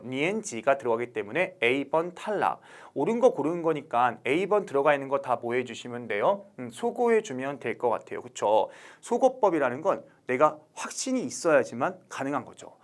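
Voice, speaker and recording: A man teaching a Chinese exam lesson, who asks his students questions and answers them himself. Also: medium pitch. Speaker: Chinese language exam instructor. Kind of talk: online exam lecture.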